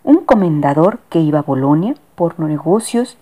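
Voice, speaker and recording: Expressive woman reading a storybook. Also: low-pitched, normal speed. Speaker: narrator. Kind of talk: storybook narration.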